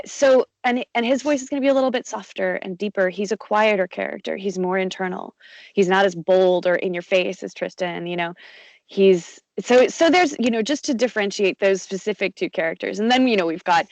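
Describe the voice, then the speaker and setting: A woman's voice: medium pitch, dry recording, low-quality recording. A woman audiobook narrator and voice actor talking in an interview, chatty, with many fillers, restarts and easy laughs. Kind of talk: conversational interview.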